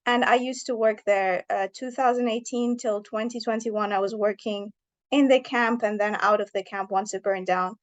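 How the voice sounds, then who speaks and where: A woman's voice: medium pitch, fairly even intonation, normal speed. Earnest Iranian-born woman author. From Iran. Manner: thoughtful, earnest, with fillers. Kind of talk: interview answers.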